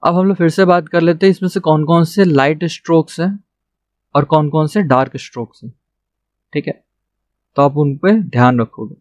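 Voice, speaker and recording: A man's voice: fairly high pitch, moderate pace, darkish tone, no echo. A young man patiently teaching a shorthand lesson, checking in with "theek hai" after each point. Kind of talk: classroom lesson.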